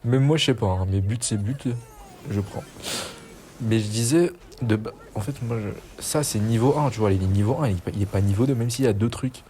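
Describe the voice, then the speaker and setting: A man's voice: on the low side, brisk, mellow, slight background noise. A young man giving casual, chatty gameplay commentary as a gaming YouTuber, self-mocking and slangy.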